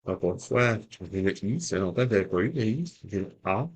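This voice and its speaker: A man's voice: lowish voice, lively intonation, fairly quick, husky. A man with a Québécois French accent, chatting casually to viewers as he scratches lottery tickets and reads the letters out one by one.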